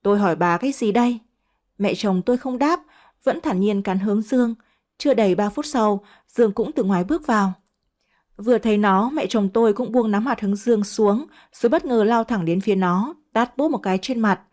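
A woman's voice: mid-range voice, a little fast, a little mellow. A woman reading a first-person family drama story aloud, voicing every character herself. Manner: reads every character herself, shifting tone for quarrels and crying. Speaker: audiobook narrator. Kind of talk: first-person story narration with voiced dialogue.

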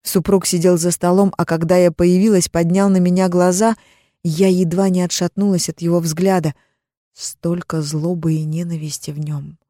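A woman's voice: lowish voice, level tone, normal speed, mellow, no room sound, studio quality. A woman narrating a first-person audiobook in a tense, emotional reading.

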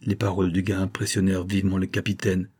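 A man reading a novel aloud as audiobook narration in a steady, measured way. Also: low voice, breathy edge. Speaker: audiobook reader.

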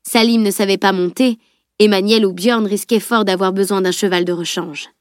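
A woman narrating an audiobook novel with a steady, even reading. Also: medium pitch, normal speed, dry recording, clean studio sound. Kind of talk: scripted narration.

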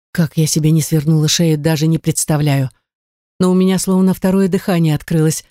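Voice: medium pitch, mellow, no room sound, studio quality. An audiobook narrator reading a first-person story with dramatic, emotive delivery. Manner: dramatic, emotive, rises to cries in quoted lines.

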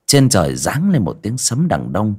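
A man narrating an audio story in a steady, storytelling way, dramatic in places. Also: fairly low pitch, moderate pace, slight background noise.

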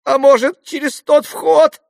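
A shrieking frantic old landowner. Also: male voice, steady tone, a little slow, creaky, no room sound, studio quality, heavily acted. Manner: shrill, squealing, breathless cries.

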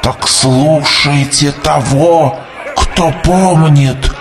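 An actor playing an old grey-haired prophet with a creaky, dusty voice, preaching doom to a crowd in an audiobook. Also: male voice, fairly high pitch, drawn-out words, far from the mic, background noise. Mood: prophetic. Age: older. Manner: solemn preaching to a crowd, rising to shouts. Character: ancient grey-haired male prophet, fervent and doom-laden. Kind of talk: audiobook character voice. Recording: voice over music.

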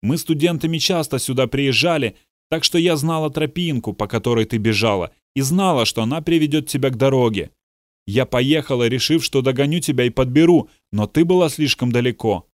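A man's voice: medium pitch, a little fast, no room sound, studio quality, natural voice. A male narrator voicing a worried young woman journalist who pleads and explains urgently in an audiobook. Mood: earnest. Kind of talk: audiobook dialogue reading.

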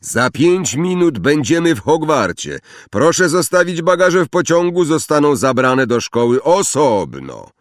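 A man's voice: on the high side, sing-song, unhurried, hardly any pauses, no room sound, studio quality, voice pushed up. A man voicing an unseen male train announcer making a formal announcement. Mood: announcing.

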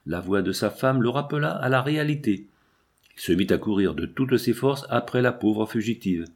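A man with a low voice reads an old French novel aloud in a measured, expressive narration. He lifts his tone now and then for emphasis, but stays steady and unhurried. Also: husky. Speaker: audiobook narrator. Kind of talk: literary audiobook narration.

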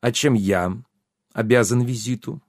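A man's voice: mid-range voice, a little slow, no echo, studio quality. A man voicing a jovial, sly, plump baron who talks effusively in an audiobook. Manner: effusive, exclamatory, fawning.

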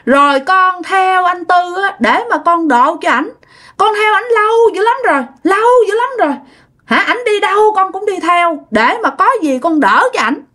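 A woman's voice: extremely high pitch, lively intonation, normal speed, bright, forceful tone, pitched above the performer's own voice, exaggerated voice. A woman voicing a sulky, sobbing toddler spirit speaking through a medium, whiny and childlike.

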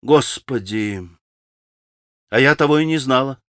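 A man's voice: mid-range voice, unhurried, a bit bright, clear, resonant tone, no room sound, clean studio sound, lightly acted. A man reading an audiobook voices a passionate, impulsive young woman who speaks with agitated emotion. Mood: shocked.

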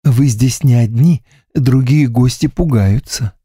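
A man voicing a polite restaurant waiter who speaks in a hushed, low voice in an audiobook. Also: slow pace, slightly rough, dry recording, studio quality. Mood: apologetic.

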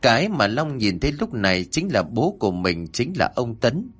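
A man reading a scripted horror story aloud as narrator, with an expressive delivery. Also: medium pitch, moderate pace, slightly rough.

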